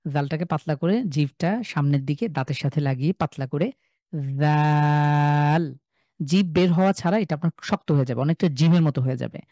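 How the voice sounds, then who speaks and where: A young man with a Bangladeshi Bengali accent, teaching an online class and sounding out each letter slowly and loudly before explaining it. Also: on the high side, animated, no echo. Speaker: Quran recitation teacher. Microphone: video call.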